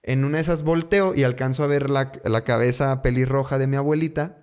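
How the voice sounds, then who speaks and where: A man with a Mexican accent tells a story from his own life in a relaxed, chatty way. He loops back on words for emphasis and throws in slangy asides. His voice sits at a middle pitch for a man. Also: fairly quick, clean tone. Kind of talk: casual storytelling.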